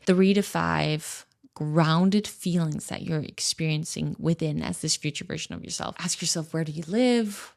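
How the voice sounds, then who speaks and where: A woman's voice: low-pitched, gravelly, a little mellow. A woman in her late twenties hosting a solo podcast Q&A, talking in an earnest, reflective and encouraging way. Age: 20s. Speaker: podcast host.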